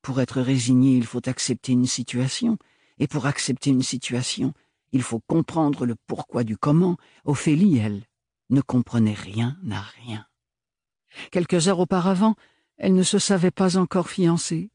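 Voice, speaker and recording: A man narrating a novel as an audiobook reader, in measured, steady storytelling. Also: mid-range voice, husky, no echo, clean studio sound. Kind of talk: scripted narration.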